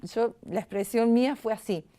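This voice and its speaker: A middle-aged woman with a Rioplatense Spanish accent gives an emotional personal testimony as an interview guest. She speaks haltingly and often restarts her sentences. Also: on the high side, mellow.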